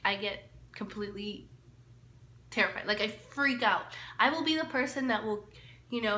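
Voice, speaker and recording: A Salvadoran-born woman in her twenties chats casually to camera in a get-to-know-me lifestyle vlog, laughing often and letting sentences trail off. Her voice is a little high, pushed and bright, recorded in an echoey room with faint hiss.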